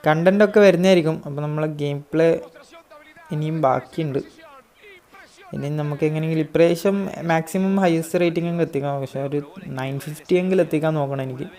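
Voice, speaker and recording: A man with a hoarse voice giving excitable live commentary on his own football video game match, mixing English phrases into his talk. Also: fairly high pitch, fast talker. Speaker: gaming YouTuber.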